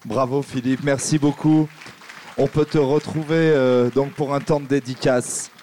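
A man's voice: mid-range voice, fairly even intonation, a little slow, dark tone, a little hiss or hum. A man moderating a live book talk in front of an audience, friendly and teasing. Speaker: event host. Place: public hall with audience.

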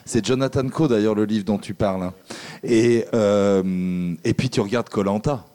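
A man's voice: lowish voice, moderate pace, warm tone. A man moderating a live book talk in front of an audience, friendly and teasing. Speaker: event host. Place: public hall with audience.

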